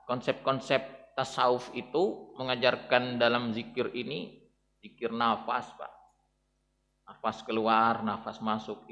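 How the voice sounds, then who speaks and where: A man preaching a dawn sermon to a mosque congregation, swinging between loud exhortation and hushed, tender calls. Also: mid-range voice, vocal fry, big-room sound. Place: large mosque.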